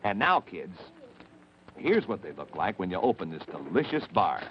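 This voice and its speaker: A man's voice: low voice, big pitch swings, normal speed. A man hosting an old children's TV show, speaking in a folksy, exclamatory way to the kids. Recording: muffled, noisy old TV recording.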